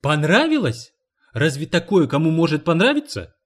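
A loud, scolding cleaning lady who shrieks her outrage and keeps exclaiming to the heavens, as a male reader puts her on. She sounds raised and shrill, voiced with plenty of force in a storybook reading. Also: expressive, normal speed, husky. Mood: indignant. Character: loud indignant woman office cleaner.

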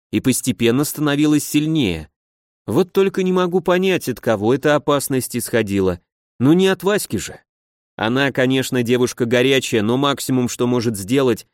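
A man's voice: medium pitch, dry recording, clean studio sound. A man narrating a first-person audiobook in a wry, conversational way.

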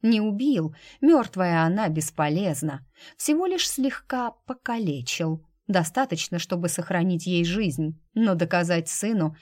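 Audiobook reader: woman, lowish voice, measured and dramatic, close dry recording. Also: expressive, a little mellow, no room sound. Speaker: audiobook narrator. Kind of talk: scripted narration.

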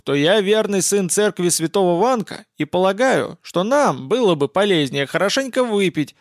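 A man's voice: fairly high pitch, no echo, studio quality. A man reading a story voices a big, boastful warrior who grumbles pompously about his faith and his courage.

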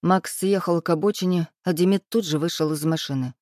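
A woman reading a first-person novel aloud in a steady, even storytelling manner. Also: lowish voice, a little fast, no echo, studio quality. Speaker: audiobook narrator. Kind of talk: first-person scripted narration.

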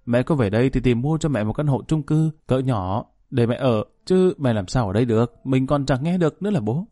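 Male reader as a blunt, practical grown child in an audio story, dark-toned. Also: mid-range voice, animated, brisk, no room sound, close to an everyday voice. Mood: dismissive. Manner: blunt, matter-of-fact.

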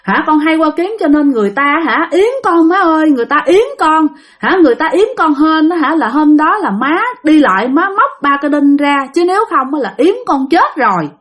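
A woman's voice: high voice, lively intonation, a little fast, voice pushed up. A woman voicing the tearful, pleading ghost of a young man who has possessed a relative.

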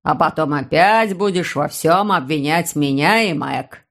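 A woman reading the lines of a calm, grumbling male warlock uncle, lowering her voice and reasoning dryly. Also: a little slow, exaggerated voice.

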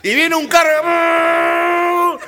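A middle-aged man, telling jokes in a lively way and laughing at his own punchlines. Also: extremely high pitch, extremely slow, raised voice, big-room sound, very noisy. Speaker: radio comedian. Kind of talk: joke telling.

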